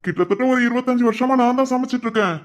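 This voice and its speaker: A man's voice: extremely high pitch, racing. A man voicing a jovial middle-aged father in a comedy cartoon, proud of his cooking and mock-stern with his son.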